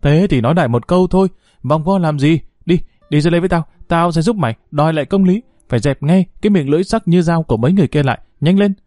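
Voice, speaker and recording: A man voicing a blunt young village woman who scolds her friend in a quick, reproachful manner. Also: a little high, no room sound, studio quality, faint music behind, pitched above the performer's own voice, close to an everyday voice. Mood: scolding. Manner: sharp, rapid, reproachful.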